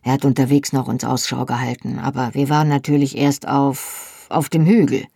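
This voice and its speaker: Woman reading as a gruff young Highland husband. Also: level tone, moderate pace, dark tone, no echo, studio quality, heavily acted. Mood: matter-of-fact. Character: Scottish Highland man, young husband, dry and practical.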